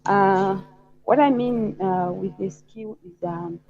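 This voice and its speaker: A Zambian woman calls into a live talk show, sharing her opinion and a personal account in a conversational way. Her medium-pitched voice is mellow, slightly muffled, and unhurried, coming through a remote call with slightly dull, lo-fi audio.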